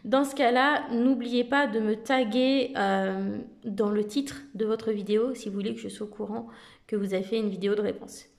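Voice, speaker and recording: A woman vlogger chatting casually to camera, relaxed, with many filler words as she presents card decks. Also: on the high side, normal speed, vocal fry.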